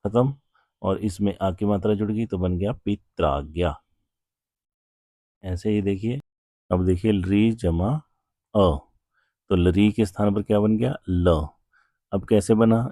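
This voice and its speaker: Slow, deep-voiced male teacher. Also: dark tone, no room sound, clean studio sound. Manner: slow, patient explaining with frequent rhetorical questions. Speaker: Sanskrit teacher. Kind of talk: classroom grammar lesson.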